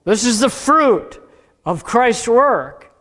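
A man serving as pastor, leading the liturgy and preaching in a measured, emphatic way, heard in a long cathedral-like echo. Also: very high voice, sing-song, pushed and bright. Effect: long cathedral-like hall echo. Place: church sanctuary. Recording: reverberant sanctuary with congregation. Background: congregation.

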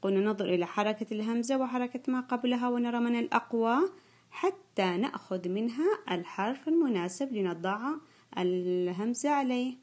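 A woman teaching an online grammar lesson to young pupils, repeating key words slowly and praising often. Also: fairly high pitch, lively intonation, darkish tone. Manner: slow, drawn-out repetition of key words; frequent praise and quiz questions to pupils. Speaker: primary school teacher.

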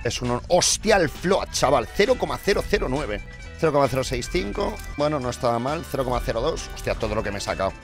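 A young man from Spain with a Spanish accent, commentating his gaming and breaking into loud cheers, his voice going hoarse. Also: mid-range voice, quick pace. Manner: excitable, bursts into loud cheering and shouting. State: losing his voice. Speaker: gaming streamer. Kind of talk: excited gameplay commentary. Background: background music.

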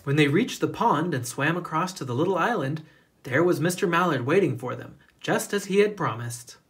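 Animated children's storybook narrator. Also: medium pitch, normal speed. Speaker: storybook reader, educator. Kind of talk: expressive children's picture book narration.

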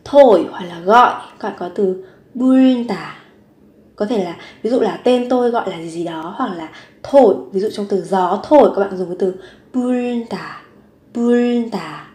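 A woman teaching a vocabulary lesson, reading example sentences aloud and repeating each word slowly and carefully. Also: mid-range voice, darkish tone, echoey room. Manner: slow, careful repetition of words and sentences. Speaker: Korean language teacher.

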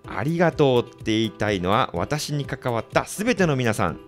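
A man's voice: medium pitch, big pitch swings, fairly quick, soft background music. A man hosting a casual community radio show, joking, laughing and trying playful impressions.

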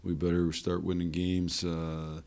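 Man, deep gravelly dark voice, blunt emphatic coach, desk mic. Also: monotone, unhurried. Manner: blunt, emphatic, repeats phrases. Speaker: head coach. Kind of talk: post-game press conference. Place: press conference room. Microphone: desk microphone.

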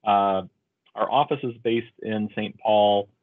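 Low-voiced man, casual intro, tinny phone-quality line. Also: fairly even intonation, slow pace. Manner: casual, frequent ums and uhs. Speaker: nonprofit executive director. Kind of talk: self-introduction on a video call.

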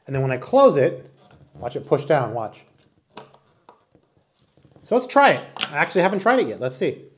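A man in his forties with a slightly high voice chats through a casual product review. He sounds enthusiastic and hands-on, demonstrating as he talks, recorded close on a camera mic in a small room. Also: sing-song, normal speed, slight background noise. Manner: chatty, enthusiastic, demonstrating while talking. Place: small indoor room with wood-panel wall.

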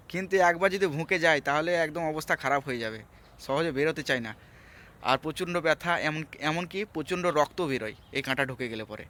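A man vlogging outdoors on a farm, chatting step by step to viewers while he works. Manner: lowers voice to talk quietly. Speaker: vlogger, migrant farm worker. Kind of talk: casual explanatory vlog.

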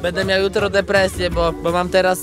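A young man with a slightly high voice banters playfully on a farm vlog, throwing out loud joking exclamations. Loud music plays under his voice throughout. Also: flat delivery, a little fast. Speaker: vlogger in a youth group channel. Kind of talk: casual chat. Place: outdoor animal farm.

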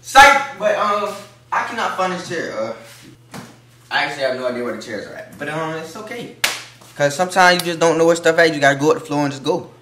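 Outdoors with background noise around him, a young man vlogs into his phone camera. His somewhat high voice is expressive and brisk, and his talk is loose, slangy, and encouraging.

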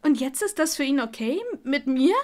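A woman's voice: high-pitched, expressive, moderate pace, a little mellow. A woman voicing an exasperated young witch in an audiobook, speaking in a snappy, indignant way. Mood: irritated. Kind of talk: audiobook character voice.

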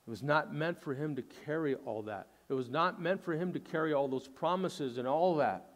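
A male pastor preaching a sermon in an earnest, conversational way, retelling scenes dramatically and dropping to a soft low voice at the ends of phrases. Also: normal speed.

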